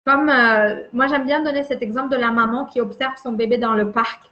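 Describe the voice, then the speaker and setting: A woman explaining a calming emotion exercise in conversation, gentle and demonstrative, often repeating her words. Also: fairly high pitch, brisk, dull audio, slight background noise. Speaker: emotional wellbeing guide.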